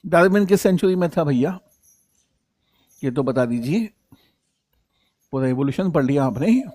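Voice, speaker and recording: A man teaching biology in an online live class, reading English definitions slowly and explaining them in Hindi, calling students 'sahab' and reading their names from the chat. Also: on the high side, lively intonation, darkish tone, dry recording. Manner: addresses students as 'sahab' and 'bachchon', repeats key points.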